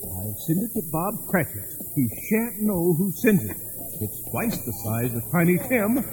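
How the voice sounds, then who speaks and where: Old miser turned giddy and joyful, played by a man. Very high, slow and drawn-out delivery. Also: sing-song, a little mellow, a little hiss or hum, low-quality recording. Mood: excited generous. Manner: pleading, then overjoyed and breathless with laughter.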